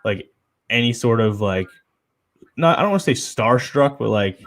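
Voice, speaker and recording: A man's voice: medium pitch, expressive, normal speed. A young man co-hosting a casual sports chat show, rambling and opinionated with lots of fillers. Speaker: podcast co-host.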